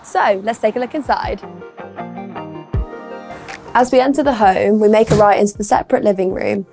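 A young woman works as a property presenter, leading a scripted tour through the furnished rooms of a house with upbeat, flattering sales talk. Recorded on a lapel mic, her mid-range voice is a little mellow and fairly even, at a moderate pace, with faint music behind.

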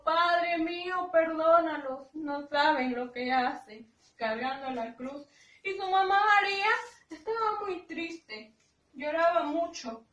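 A woman teacher tells a story to young children in a very high, bright voice, going slowly and repeating each point simply. Her voice echoes around a roomy space and is heard from a distance from the mic. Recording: roomy echo, voice from afar.

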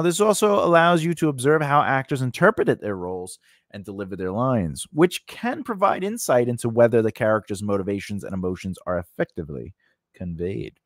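In a small indoor home studio hung with a cloth backdrop, a middle-aged man teaches screenwriting as his channel's host. He talks to camera in an emphatic, conversational way, close into a stand-mounted condenser mic. His voice sits in the mid range, and the sound is dry.

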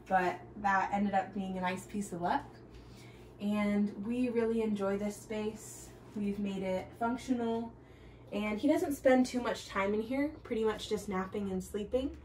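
A pregnant young stay-at-home mom cheerfully chats as she tours her small home, moving through the kitchen, nursery and bathroom. Her ordinary mid-pitched voice echoes roomily, picked up by a camera a few steps off, with faint ambience and a bit of hiss or hum underneath.

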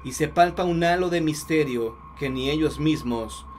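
A man from Mexico narrating scripted horror stories in a slow, measured way with dramatic pauses. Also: a little high, slight background noise.

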